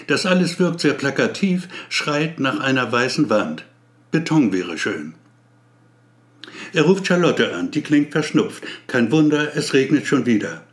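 A man narrating a story aloud in a measured way. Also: mid-range voice, sing-song.

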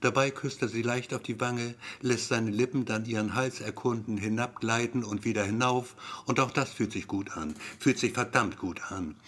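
A man's voice: medium pitch, fairly even intonation, normal speed, hardly any pauses, fairly bright tone. A man reading a story aloud in a wry, repetitive storytelling manner. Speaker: narrator.

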